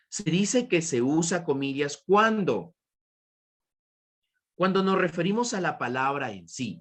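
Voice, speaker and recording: A man teaching an online class with a Peruvian Spanish accent, repeating his points and asking students questions. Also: a little high. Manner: repetitive, questioning students, praising answers.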